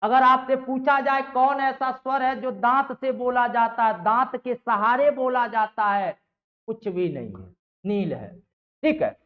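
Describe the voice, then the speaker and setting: A man's voice: extremely high pitch, a little slow. A male teacher giving a grammar lesson for exam preparation. He asks his students questions and answers them himself, repeats the sounds over and over, and keeps checking with "okay". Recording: dull, lo-fi sound.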